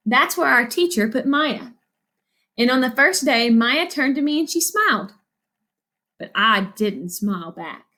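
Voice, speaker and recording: Reading aloud to children, an elementary school teacher uses a somewhat bright voice that sits on the high side. She explains the picture book as she goes and answers the questions she asks.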